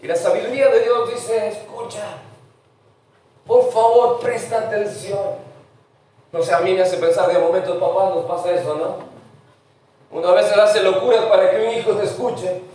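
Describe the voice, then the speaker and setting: Pastor, male, middle-aged, preaching; high voice, mic far off in a very echoey church. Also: brisk, darkish tone. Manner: mixes English words into Spanish preaching. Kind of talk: sermon. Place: church sanctuary.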